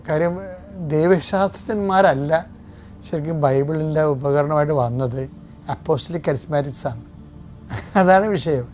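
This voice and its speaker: A man's voice: a little high, darkish tone. An older man, a priest, preaching a fervent sermon with emphatic stresses, leading scripture lines to repeat. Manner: leads congregation in repeating scripture line by line. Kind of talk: sermon with prayers.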